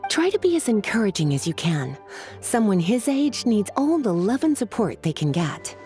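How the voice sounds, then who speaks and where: Woman playing mellow, teasing mage Lisa. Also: medium pitch, sing-song, normal speed, faint music behind, lightly acted. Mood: gently teasing. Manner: languid, coaxing, teasing endearments. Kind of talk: video game voice acting.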